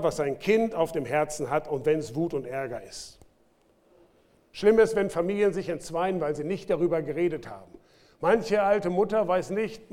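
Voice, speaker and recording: A man preaching a sermon to his congregation, speaking with lively swings between loud bursts and quiet asides. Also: sits high. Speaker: pastor. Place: church.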